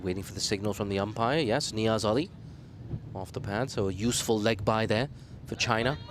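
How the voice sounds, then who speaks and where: A man commentating live on a cricket match, losing his voice and jumping up in pitch and volume whenever a wicket falls. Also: brisk, a little hiss or hum. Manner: rises sharply in pitch and volume on wickets and appeals.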